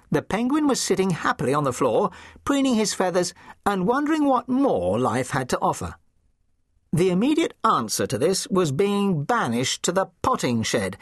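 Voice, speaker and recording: Husky, lively male storybook narrator. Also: sits high, no room sound, clean studio sound. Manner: expressive, playful storytelling. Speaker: audiobook narrator.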